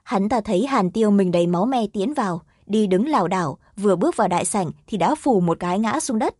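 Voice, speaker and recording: A woman narrating a fantasy audiobook in a steady, even storytelling manner. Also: mid-range voice, fast, husky, dry recording, studio quality.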